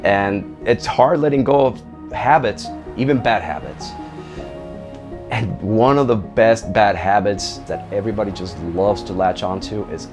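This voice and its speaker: A man in his thirties, an army medic veteran, giving a candid, profane interview in a dark studio with a joking, blunt manner. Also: fairly low pitch. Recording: music underneath.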